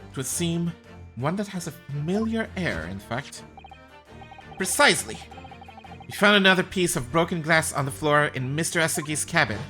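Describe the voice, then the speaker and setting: A woman voicing a pompous, theatrical male gentleman detective in a fan reading of a game, declaiming in a lively, bright voice. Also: sits low, normal speed, faint music behind. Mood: grandiose. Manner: grandiose, declaiming.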